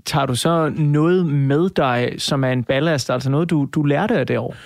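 A man hosting a podcast interview, asking questions in a friendly, measured way with some hesitant fillers. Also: on the high side, no echo, clean studio sound. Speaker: podcast host.

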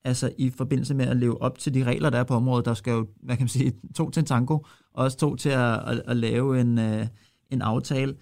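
Male reporter, creaky voice, hesitant questioning. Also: mid-range voice, level tone, a little mellow. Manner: thinking aloud, hesitant. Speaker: radio reporter. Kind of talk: recorded radio interview.

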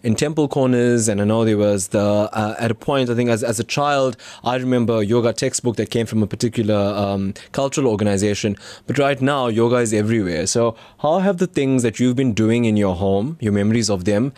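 A man's voice: medium pitch, a little mellow, dry recording. A man with a Durban Indian South African accent hosting a casual radio talk show, conversational and often rephrasing himself mid-thought. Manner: halting, frequently rephrasing, conversational.

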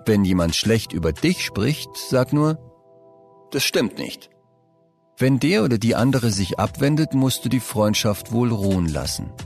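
A man narrating scripted advice for young people, speaking calmly and addressing the listener directly. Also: medium pitch, normal speed, gravelly, hardly any pauses, faint music behind. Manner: calm, direct second-person advice.

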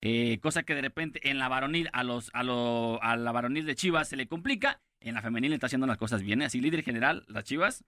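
Fast-talking, bright Mexican man host. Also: medium pitch, expressive, no room sound, studio quality. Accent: Mexican Spanish. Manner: quick, chatty, reads sports results. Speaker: radio morning show host. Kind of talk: casual sports chat.

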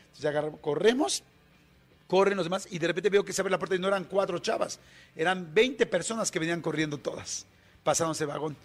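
A man with a Mexican Spanish accent, a radio guest telling a story in a colloquial, animated way with many fillers. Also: sits high, quick pace, husky.

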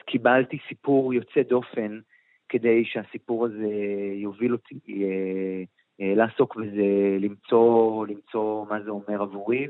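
A middle-aged man with a lowish voice answers slowly and thoughtfully, filling his pauses with hesitant sounds. The sound is thin and phone-like, with a dry, close feel. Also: no room sound. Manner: hesitant, many pauses and fillers. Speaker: interview guest, author. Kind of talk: reflective interview answers.

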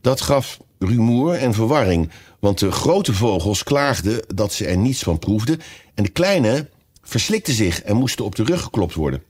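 A man reading a children's classic aloud as audiobook narration. His voice sits low but moves with lively, expressive melody, measured and clear. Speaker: storyteller.

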